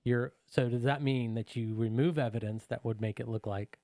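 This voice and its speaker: A man's voice: medium pitch, steady tone, moderate pace, mellow, no echo. A man co-hosting a casual reaction podcast, arguing earnestly and often restarting his sentences. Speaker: podcast co-host.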